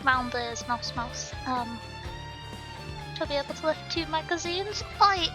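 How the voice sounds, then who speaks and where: A woman's voice: high voice, expressive, unhurried, music in the background. A woman chatting casually to viewers on a game livestream in a cute, bubbly, giggly anime-streamer manner.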